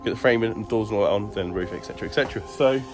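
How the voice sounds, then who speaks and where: Over music, a DIY vlogger with a fairly low-pitched voice rattles off a casual update on his garden build, recorded outdoors on his phone camera. He talks rapid-fire and chattily explains each step, sounding congested with a stuffy nose.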